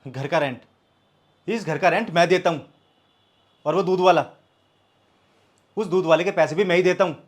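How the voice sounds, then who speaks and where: A man's voice: fairly high pitch, moderate pace, pauses often, lightly acted. An actor playing a proud young man who argues defensively with his partner, then turns cold and bitter. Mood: angry. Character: young man, proud, hurt, coldly walking out. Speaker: live-in partner. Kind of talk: scripted short-film acting.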